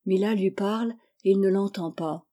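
In a measured yet expressive delivery, a woman with a mid-range voice performs an audiobook reading of a classic novel.

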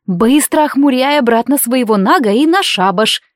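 A woman voicing an exasperated young dark witch in an audiobook, blunt and emphatic. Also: high-pitched, expressive, moderate pace, dry recording, clean studio sound, voice pushed up. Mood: bossy. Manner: emphatic, exclaiming.

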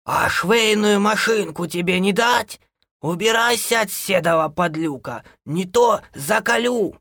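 A man reading an audiobook, voicing a bossy old grandmother who scolds in a loud, folksy way. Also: sits high, takes it slowly, no room sound, studio quality, voice pushed up. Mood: angry. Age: older. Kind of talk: audiobook character voice.

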